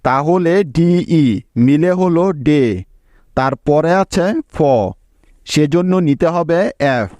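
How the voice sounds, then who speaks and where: A man with a somewhat high voice teaches a spelling lesson at a very slow, deliberate pace. He sounds out each piece of a word one at a time and keeps asking his students whether they are following. The recording is dry and close, with no room sound. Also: a little mellow, dry recording. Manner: patient, slow, breaks words into syllables and checks with students. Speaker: English teacher. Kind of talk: spelling lesson explained step by step.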